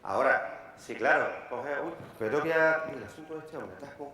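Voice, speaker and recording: A man with a Peninsular Spanish accent, a lawyer giving a live workshop lecture, talking briskly and repeating key words for emphasis. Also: mid-range voice, pushed and bright. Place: large conference hall. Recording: echoey hall, faint room noise.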